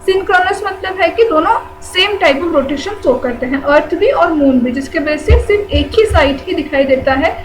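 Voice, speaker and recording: A woman's voice: very high-pitched, expressive, measured pace, hardly any pauses, faint music behind, poor audio. A woman teaching a general-knowledge lesson, who repeats key terms and asks and answers her own questions.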